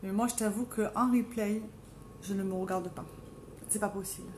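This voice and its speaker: A middle-aged woman with a Marseille accent, doing her makeup live at home and chatting casually with viewers by name, self-mocking, with a strong, deep voice. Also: fairly even intonation, normal speed, background noise. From Marseille, France. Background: dogs playing now and then.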